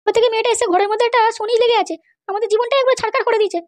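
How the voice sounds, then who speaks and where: A woman voicing a scolding mother-in-law role in a comedy cartoon, with a sharp-tongued way of talking. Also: extremely high pitch, fairly even intonation, rapid-fire. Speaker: cartoon voice actor.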